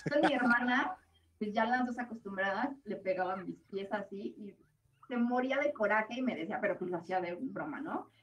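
A woman's voice: medium pitch, lively intonation, brisk, a bit bright, a little hiss or hum. Woman chatting on the radio. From Mexico. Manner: chatty, laughs often. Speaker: radio co-host. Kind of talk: casual radio chat. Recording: roomy, distant, muffled sound.

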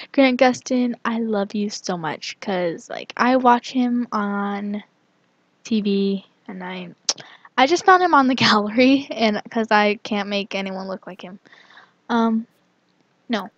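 A woman narrating her gameplay in a casual, giggly and excitable way. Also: medium pitch, slow pace, dry recording, muffled recording. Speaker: gaming vlogger.

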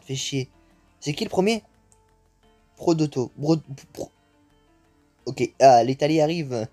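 Excitable young man narrating his gameplay. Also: on the high side. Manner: excitable, swears often, mixes English exclamations into French. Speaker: gaming YouTuber. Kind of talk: live gameplay commentary.

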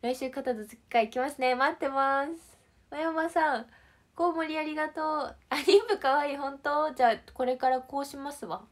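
Chatting with viewers and reading their comments, this idol livestream host is a young woman from Shizuoka, Japan. She sounds bubbly, playful and giggly, with a high-pitched voice at a moderate pace.

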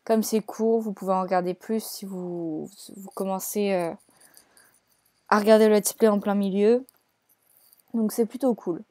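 A woman's voice: mid-range voice, fairly even intonation, a little slow, long pauses, mellow, dry recording. A young woman hosting a let's play, chatting casually and teasing the characters she plays, with frequent hesitations. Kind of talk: casual gameplay commentary.

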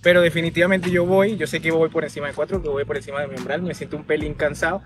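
Animated Venezuelan runner, off-mic, music behind. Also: male voice, fairly high pitch, rapid-fire, recorded from a distance. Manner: animated, talks in long earnest runs. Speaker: professional runner. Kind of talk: casual chat. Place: outdoor athletics stadium.

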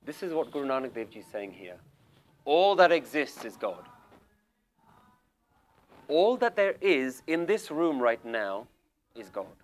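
A man's voice: medium pitch, big pitch swings, measured pace, long pauses. Emphatic man giving a spiritual talk. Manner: questioning, emphatic, rhetorical. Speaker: spiritual teacher. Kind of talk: spiritual talk to a seated group. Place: room with a small audience.

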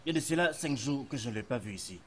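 An actor voicing a blunt, suspicious village man in a French film dub, speaking in a low voice. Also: expressive, very fast, natural voice. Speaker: villager questioned about a missing mother.

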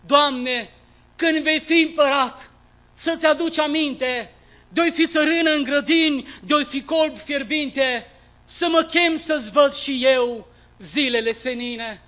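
Penitent thief on a cross, solemn pleading, voiced by a high, bright male reciter.

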